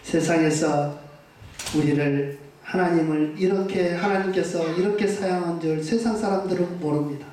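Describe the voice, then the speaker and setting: A man's voice: on the high side, normal speed, darkish tone, slight background noise. A male pastor preaching a fervent sermon to his congregation, urging them on, asking questions and having them repeat after him. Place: church sanctuary. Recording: echoey church hall from far off.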